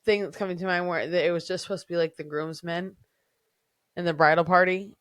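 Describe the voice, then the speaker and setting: A woman's voice: lowish voice, fairly even intonation, a little fast, fairly bright tone, clean tone, no room sound, studio quality. A woman in her thirties co-hosting a family podcast with her husband, chatty and giggly, with lots of "like" and "um". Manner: chatty, giggly, adds "like" and "um" a lot. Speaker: podcast co-host. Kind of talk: casual conversation.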